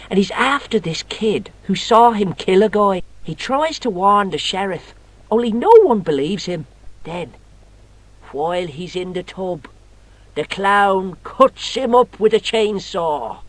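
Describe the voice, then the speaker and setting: A man's voice: high-pitched, big pitch swings, slow, full character voice. A man voicing a cheeky, boastful Irish boy who tells tall tales in broad colloquial speech, with an Irish accent, in a video game.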